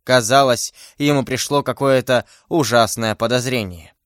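This is a man reading a classic novel aloud as an audiobook. His pitch sits in the middle range and his delivery is steady and measured. The recording is close and dry, with no room around it. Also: no room sound. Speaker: reader. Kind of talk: audiobook narration.

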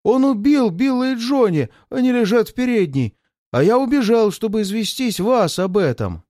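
Man voicing a drunk servant, panicked, bellowing, high strained voice, dry close sound. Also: very animated, moderate pace, a little mellow, no room sound. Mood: frantic shouting. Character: drunk frantic male servant bursting in.

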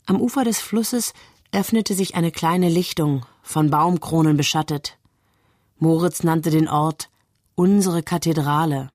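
A woman narrating a literary story in a measured, calm way. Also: deep voice, dry recording, studio quality. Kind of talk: literary reading.

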